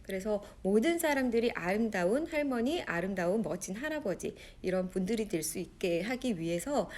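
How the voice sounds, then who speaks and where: A woman's voice: medium pitch, animated, moderate pace, darkish tone. A woman in her forties, an author answering interview questions with a storytelling manner. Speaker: author guest.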